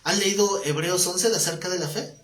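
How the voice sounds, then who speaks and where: A man, a pastor teaching a live Bible class, telling stories in a lively way and asking the class questions. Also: high-pitched, a little fast. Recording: echoey room, faint background noise.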